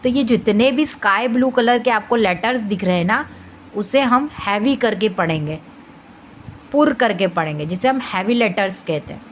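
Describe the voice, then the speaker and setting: A woman teaching an online tajweed lesson, patiently repeating letters slowly for practice. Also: mid-range voice, expressive, slight background noise. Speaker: Quran recitation teacher.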